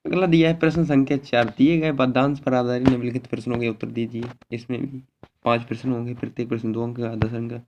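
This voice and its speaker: Male tutor, mid-pitched, methodical exam walkthrough that restates every answer; slightly dull lo-fi recording with faint hiss. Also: level tone, fast talker, a little mellow. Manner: explains step by step, repeats each answer and ends with a check word. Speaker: teacher.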